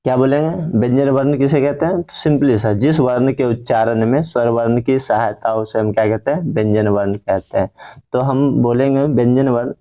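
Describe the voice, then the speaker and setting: Dark-voiced man teaching grammar. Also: mid-range voice. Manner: repeats key points as questions to the class; drawn-out chanting of example words. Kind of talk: grammar lesson.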